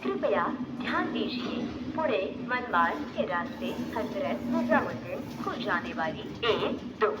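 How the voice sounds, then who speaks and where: A woman making a measured, spliced-sounding train announcement over an outdoor station loudspeaker. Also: mid-range voice. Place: railway platform, outdoors. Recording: echoey loudspeaker with loud train noise. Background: train and station noise.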